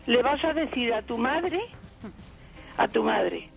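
An elderly woman from Aragon speaks over a muffled telephone line, her voice gravelly and worn. She tells her story with tearful, animated emotion as a radio caller. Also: on the high side, takes it slowly, soft background music. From Aragon, Spain. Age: 80s. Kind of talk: emotional phone-in account.

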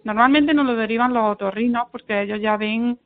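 A woman explains voice care as a radio guest. Her voice is slightly high with some gravelly fry. It comes through a thin, phone-like line, measured and unhurried. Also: soft background music. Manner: measured, explanatory, with thoughtful pauses. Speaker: speech therapist guest. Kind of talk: radio interview answers.

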